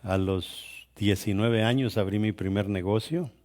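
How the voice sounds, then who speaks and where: Low-voiced Salvadoran-born pastor preaching. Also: male voice, measured pace, darkish tone. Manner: conversational storytelling, frequent restarts. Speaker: guest pastor. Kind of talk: sermon testimony.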